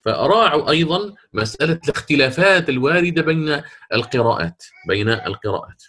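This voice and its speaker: A man's voice: on the high side, lively intonation, quick pace, fairly bright tone. A man teaching a class, explaining patiently with rhetorical questions and frequent restarts. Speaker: Quran recitation teacher. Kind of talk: classroom lecture.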